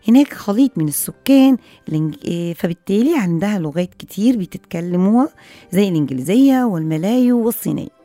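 Brisk Egyptian woman radio host, rapid-fire and playful, close dry studio mic, soft music behind. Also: medium pitch, no room sound. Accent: Egyptian Arabic. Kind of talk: upbeat radio presenting.

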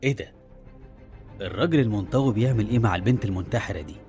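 A man playing a brisk, scheming doctor. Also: fairly low pitch, a little mellow, faint music behind, natural voice. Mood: plotting. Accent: Egyptian. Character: scheming male doctor, ambitious, nosy.

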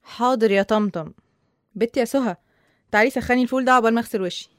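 A young woman with an Egyptian accent playing a bossy, teasing middle sister, over soft music. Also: fairly high pitch, rapid-fire, no echo, clean studio sound, natural voice. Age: young adult. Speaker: college student sister. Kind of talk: radio drama acting.

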